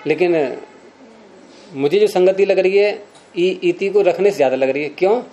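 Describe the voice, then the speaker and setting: A mellow, fairly high-pitched man leads a class through a grammar text. He reads lines aloud, then breaks them down slowly and puts questions to his students. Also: highs cut off. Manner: patient, questioning students, slows to spell out examples. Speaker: Sanskrit grammar teacher.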